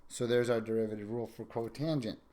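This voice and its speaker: Sniffling with illness, a male math teacher delivers a recorded calculus lesson into a microphone, narrating every step as he writes and throwing in self-corrections. He speaks quickly, with a medium-pitched, steady, mellow voice.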